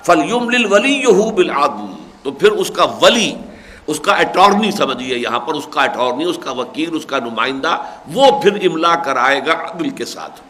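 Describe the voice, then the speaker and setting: A man's voice: fairly high pitch, expressive, sharp tone. An older man giving a religious lecture, reciting Arabic verses and then explaining them patiently. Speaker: Quran scholar giving tafseer.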